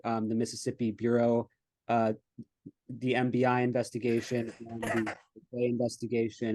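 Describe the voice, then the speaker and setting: A man's voice: mid-range voice, mellow, no room sound. A man who is a news reporter politely asking a question at a press conference, hesitating with fillers.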